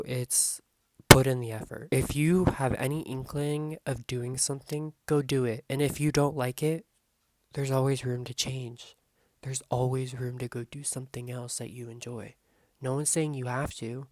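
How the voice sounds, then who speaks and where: A young woman vlogging casually, hoarse and coughing, rambling excitedly and swearing freely. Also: extremely low pitch, moderate pace. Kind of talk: casual vlog talk. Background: background music.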